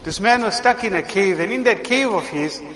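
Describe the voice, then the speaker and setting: A man giving a sermon, telling moral stories in an animated way and acting out the people he quotes. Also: high voice, moderate pace, a little hiss or hum. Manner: animated, acts out quoted characters. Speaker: preacher. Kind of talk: sermon storytelling. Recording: long hall reverb.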